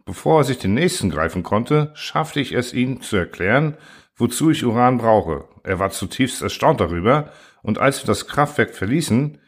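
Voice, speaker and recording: A man reading a first-person science fiction story aloud in a calm, even storytelling manner. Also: mid-range voice. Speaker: audiobook narrator.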